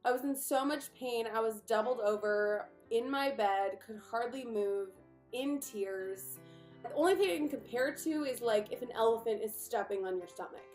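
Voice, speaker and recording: A chatty young woman tells a story straight to the camera, warm and conversational, with lots of asides and fillers. Her voice sits a little high for a woman. The room is echoey, and faint guitar music plays underneath. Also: moderate pace. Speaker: vlogger.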